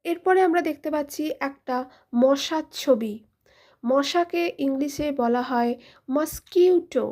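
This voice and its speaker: A woman, a teacher hosting a children's English lesson. She speaks directly to the kids in a friendly way, spelling words letter by letter and repeating them slowly. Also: high-pitched, a little mellow. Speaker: teacher and channel host.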